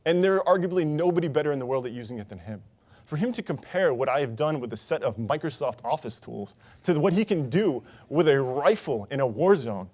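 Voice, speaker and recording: A man's voice: on the high side, a little mellow. A young man giving a conference talk, telling a personal story in an earnest way on a conference stage. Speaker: conference speaker.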